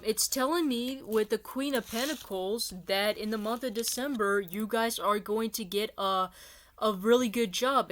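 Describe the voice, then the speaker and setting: A woman's voice: mid-range voice, a bit bright. A woman giving a casual tarot reading, chatty and rambling, talking straight to her viewers as "you guys". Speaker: tarot reader.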